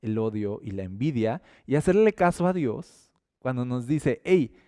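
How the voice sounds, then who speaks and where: A man giving a conversational sermon on a podcast, acting out quotes and swinging from loud to hushed. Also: medium pitch, normal speed, no room sound, clean studio sound. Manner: lively, acts out quotes and little scenes, swings between loud and hushed. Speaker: podcast preacher.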